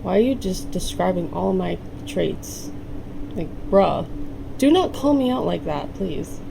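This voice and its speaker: A woman hosting a let's play, switching between excited, casual, sweary reactions and reading the story aloud, with soft, mispronounced R's. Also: on the low side, a little slow, gravelly, background noise. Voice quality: non-rhotic speech impediment, soft R's. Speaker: gaming host. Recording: loud music behind. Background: game music.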